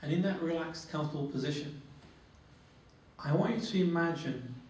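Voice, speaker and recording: The voice is a little high with a darkish tone, moving at a moderate pace. It belongs to a phobia therapy trainer leading a group through guided relaxation, instructing and repeating his phrases. Recorded from afar in an echoey training room, the sound is very echoey with faint noise.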